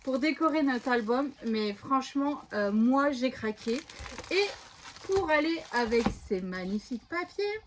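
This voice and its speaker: Woman vlogger, high voice, chatty and rambling with lots of fillers, home craft room, faint background hiss. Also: lively intonation, a little slow. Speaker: scrapbooking vlogger. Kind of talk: casual haul video chat.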